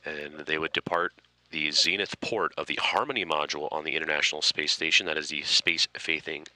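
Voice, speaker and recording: A man with an extremely low voice and a very bright, forceful edge delivers live mission control commentary. His delivery is measured and formal, explaining each stage for a broadcast audience. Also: dry recording.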